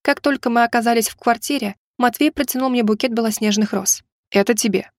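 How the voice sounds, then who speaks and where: A woman narrates a first-person audiobook in an even, measured voice. Her voice sits fairly high, and the recording is dry and close, with no room sound. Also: no echo.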